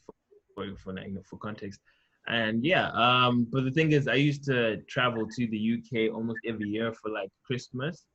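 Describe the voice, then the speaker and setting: A young man from Zimbabwe, chatting casually on a panel, full of fillers and trailing off quietly. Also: on the low side, highs cut off. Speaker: panel guest, medical student. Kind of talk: casual chat.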